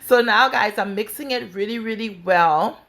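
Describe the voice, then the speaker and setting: A woman's voice: mid-range voice, moderate pace, fairly bright tone. A woman from the Bahamas hosting a cooking show, chatting through each step of a recipe and calling her viewers "guys".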